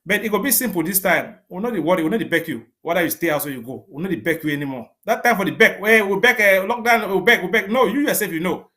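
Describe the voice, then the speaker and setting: A man with a Cameroonian Pidgin English accent speaks as a commander in a livestream interview, forcefully declaiming orders and repeating warnings. His pitch is fairly high, his delivery very animated and quick.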